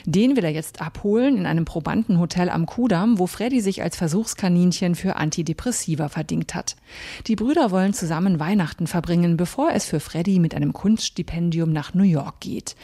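A woman literary critic presents a scripted radio book review in a lively, articulate manner. Her voice is mellow and fairly low. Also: a little fast.

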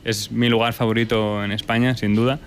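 A man's voice: medium pitch, little pitch movement, fairly quick, a little hiss or hum. A young Spanish man, a chef and restaurant owner, answering interview questions thoughtfully with many fillers and restarts. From Spain.

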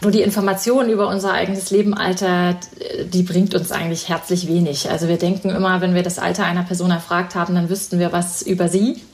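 A woman's voice: fairly low pitch, flat delivery, quick pace, darkish tone. A woman in her forties, a psychology professor, explaining ideas articulately in a recorded interview. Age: 40s.

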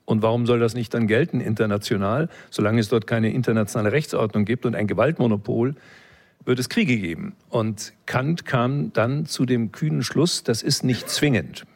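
A man with a mid-range voice talks at normal speed as an interview guest with expertise in philosophy. His answers are reflective and lecture-like, professorial in tone, with small check-in tags added.

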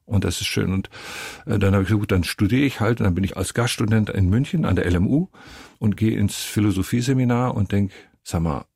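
A man's voice: fairly low pitch, a little fast, creaky, a little mellow, slightly rough, no echo, studio quality. An older man, an actor, telling stories from his life in a reflective, rambling way as an interview guest. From born in the USA, raised in Germany. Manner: reflective, anecdotal, with frequent restarts. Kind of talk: relaxed interview conversation.

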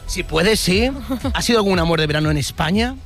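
A man's voice: high-pitched, a bit bright, faint music behind. A man with a Peninsular Spanish accent, a playful, chatty street reporter interviewing passers-by outdoors. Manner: chatty, playful, quick to joke. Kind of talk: upbeat street vox-pop interviewing.

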